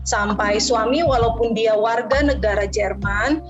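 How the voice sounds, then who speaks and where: A woman in her thirties from Jakarta, Indonesia, speaks with a slight Betawi accent in a somewhat high voice at a measured pace. The recording is muffled with soft music behind her as she chats casually as an interview guest, using lots of fillers and slipping in English words.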